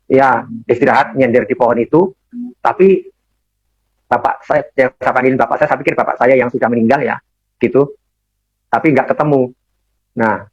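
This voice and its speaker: A man's voice: mid-range voice, no room sound. Older man, personal testimony, rambling with fillers, muffled dry recording. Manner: rambling, repetitive storytelling with many fillers. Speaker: testimony speaker.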